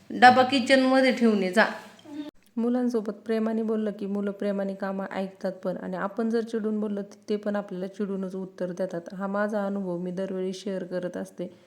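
Marathi mother coaxing her kids. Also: mid-range voice. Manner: coaxing, gently instructive with children. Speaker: vlogger and mother. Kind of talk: casual family vlog talk.

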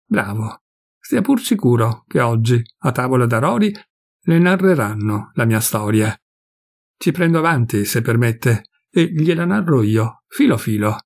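A big, jovial fellow in his fifties, voiced by a man reading a story aloud, spilling confidences with smug good humour. His voice has a gravelly edge. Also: mid-range voice, very animated, a little slow, full character voice. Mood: chatty. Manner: gossipy, confiding, pleased with himself.

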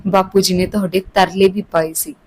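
A woman's voice: medium pitch, little pitch movement, moderate pace, darkish tone, a little hiss or hum, close to an everyday voice. A woman voicing a young daughter-in-law who pleads tearfully with her father-in-law, in a storybook reading. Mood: pleading.

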